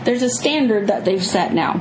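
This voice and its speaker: A middle-aged woman with some vocal fry, chatting casually and emphatically about movies as a review co-host. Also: medium pitch, lively intonation, normal speed. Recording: echoey room with clear background noise.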